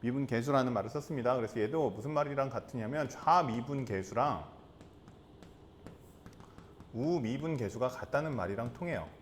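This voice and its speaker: A man teaching a high school math lesson, repeating key terms and asking the class rhetorical questions. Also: quick pace, slight background noise. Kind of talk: classroom lecture.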